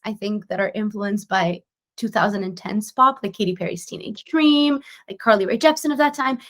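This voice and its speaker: A Slovenian singer-songwriter in her twenties chats as a guest in a casual interview, bubbly and full of fillers and restarts. Her voice is fairly high-pitched with a fairly bright tone.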